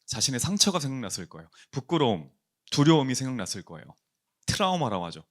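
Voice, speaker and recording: Korean pastor preaching with lively pitch. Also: male voice, fast talker. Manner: lively preaching, asks the congregation questions and answers them. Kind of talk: sermon. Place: church.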